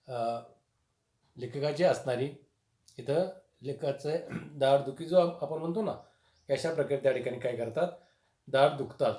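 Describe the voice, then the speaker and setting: A man teaching a lesson on a humorous text, repeating himself often with many fillers and loudly acting out the quoted dialogue. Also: mid-range voice. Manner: acts out the quoted dialogue with rising, louder lines. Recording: echoey room.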